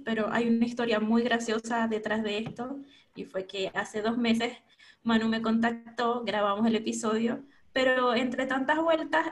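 Venezuelan woman, cheerful and high-pitched. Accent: Venezuelan Spanish. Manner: cheerful, laughs often. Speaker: podcast host and guest. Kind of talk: casual conversational interview.

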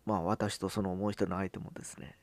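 A man from Fukuoka with a Hakata accent, telling a personal story in a casual monologue, pausing often on filler sounds. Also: deep voice, flat delivery, creaky, no room sound. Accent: Hakata dialect. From Fukuoka, Japan. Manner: halting, with frequent "um" fillers and drawn-out phrase endings.

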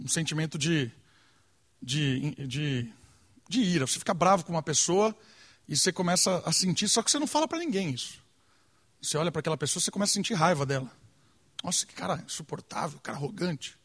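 A man delivers an earnest sermon. He leans on rhetorical questions and moves between soft, searching phrases and pointed emphasis. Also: fairly high pitch. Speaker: preacher.

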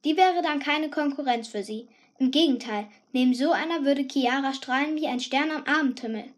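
A woman reading a first-person story aloud with a lively, cheeky teenage tone. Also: sits high, moderate pace. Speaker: audiobook narrator. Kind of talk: scripted first-person narration.

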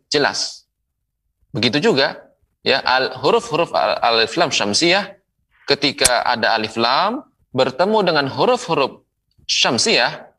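A man giving a televised Quran recitation lesson, drawing out each example word slowly and deliberately. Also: medium pitch, sharp tone. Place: television studio. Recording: voice slightly distant from the mic.

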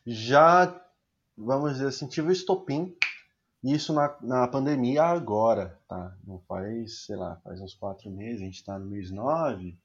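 A man's voice: mid-range voice, unhurried, highs cut off. A young adult man, a musician telling a personal story in a casual podcast chat, slangy and trailing off. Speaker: musician and music teacher, guest.

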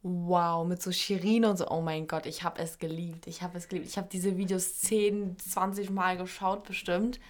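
A young woman in casual chat, excitable and reminiscing, often exclaiming. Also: lowish voice, normal speed, few pauses.

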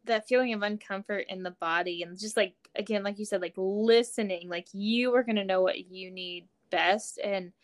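A woman guest on a podcast, a chiropractor, chatting casually in a relaxed way with many "like" fillers. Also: mid-range voice, moderate pace, few pauses. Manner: relaxed, heavy use of "like" fillers. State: postpartum mother.

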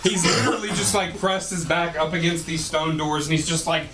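A man's voice: a little high, fairly quick, pushed and bright. A man speaking informally as game master, narrating a tabletop role-playing game casually. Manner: informal, profane. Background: background noise, combat ambience.

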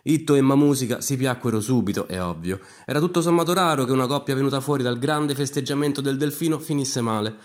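A man narrates a comic fantasy story at a brisk clip. His pitch sits in the middle, and he drops in irreverent asides.

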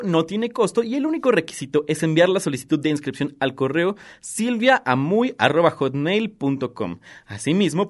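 A man co-hosting a radio show and reading out an announcement. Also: fairly high pitch. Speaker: radio co-host.

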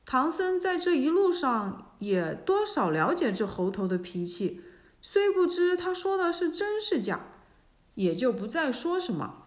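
Slow, lively high-pitched woman storyteller. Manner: expressive, unhurried storytelling. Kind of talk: scripted storybook narration.

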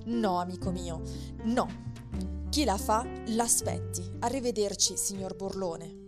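A woman voicing an arrogant, spiteful little half-rooster in a storybook tale, speaking in a shrill, loud, boastful way. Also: very animated, a little fast. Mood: mocking. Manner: shrill, boastful, later pleading in panic. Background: soft music.

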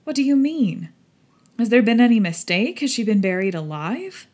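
A man's voice: very high-pitched, sing-song, moderate pace, a little mellow, pitched above the performer's own voice, exaggerated voice. A woman voicing a proud, grief-stricken young English lord in an audiobook, impassioned and dignified. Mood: anguished, shocked. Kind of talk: audiobook character acting.

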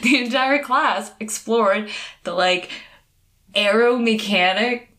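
A woman's voice: a little high, takes it slowly, a bit bright. A woman co-hosting a casual chat, telling stories with dry, sarcastic humor. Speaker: podcast co-host.

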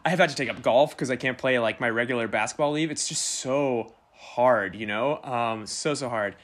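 A man's voice: mid-range voice, normal speed, fairly bright tone, natural voice. A man playing an overexcited young man who pushes and whines about getting his shot, in an improvised comedy sketch over a video call. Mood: eager. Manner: pushy, whiny, needy.

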